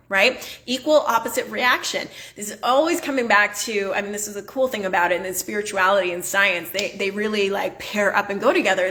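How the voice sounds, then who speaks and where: A woman's voice: mid-range voice, fairly bright tone. A woman hosting a motivational podcast, talking bluntly and emphatically, swearing casually and filling her talk with "like". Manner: chatty, many "like" fillers. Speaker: podcast host and business coach.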